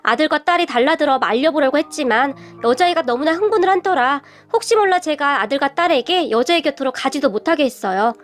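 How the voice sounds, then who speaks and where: High-voiced woman telling a radio story. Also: animated, quick pace, few pauses. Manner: plain first-person storytelling. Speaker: narrator.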